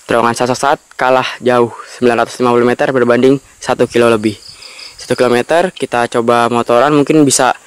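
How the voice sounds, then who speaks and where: A man's voice: medium pitch, steady tone, quick pace, clear, resonant tone, no room sound. Male travel vlog host, clean resonant mid-range voice, explains and restates key facts. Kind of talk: on-location travel vlog narration. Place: outdoors by a railway tunnel mouth in forested hills.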